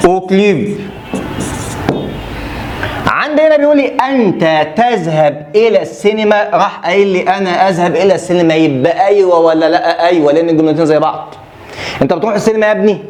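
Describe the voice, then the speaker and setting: A man's voice: high-pitched, a little mellow. A man with an Egyptian Arabic accent teaching French for an exam review. He drills rules over and over and throws in playful asides to students.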